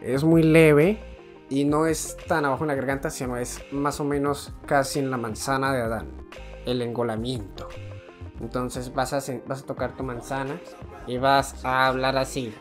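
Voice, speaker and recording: Male voice-imitation teacher, calm explanatory delivery, mid pitch, light music bed. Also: normal speed. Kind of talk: spoken tutorial.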